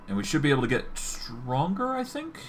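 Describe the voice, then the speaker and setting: A man's voice: medium pitch, huge pitch swings, brisk, faint music behind. A man streaming a video game, giving commentary and reading the game's text aloud.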